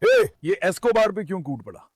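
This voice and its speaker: A man talks to his dogs in a calm, coaxing way between chatty asides to the camera, with a slightly high voice. He is recorded outdoors on a farm with a clip-on mic, so the sound is close and dry. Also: a little fast, no room sound. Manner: soothing commands to dogs, chatty asides to viewers. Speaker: farm dog keeper and channel host. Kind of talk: casual vlog talk to camera and dogs.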